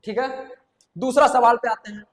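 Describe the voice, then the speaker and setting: A man's voice: very high voice, fairly even intonation, normal speed. A man teaching a classroom math lesson, repeating key terms and quizzing students aloud. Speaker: coaching teacher. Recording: echoey room with long reverb.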